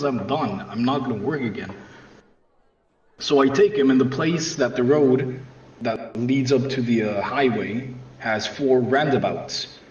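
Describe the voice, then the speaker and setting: A man casually telling a profane comedic story in a deadpan way, with constant swearing. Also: mid-range voice. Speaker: storyteller on a comedy game night. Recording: distant echoey room, dull lo-fi mic, faint noise.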